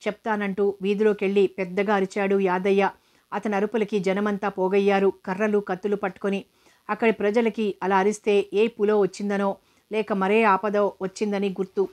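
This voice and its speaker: A woman narrating a novel aloud in a steady storytelling manner. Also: medium pitch, normal speed.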